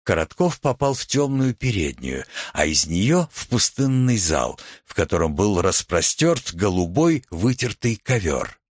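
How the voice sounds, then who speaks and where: A man reading a story aloud as narrator, expressive and theatrical. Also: lowish voice, measured pace, hardly any pauses, no echo, studio quality.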